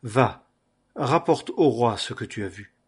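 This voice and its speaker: A man's voice: mid-range voice, lively intonation, a little slow, breathy edge. A man reading the firm lines of an army commander during a scripture reading. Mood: stern. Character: stern male army commander.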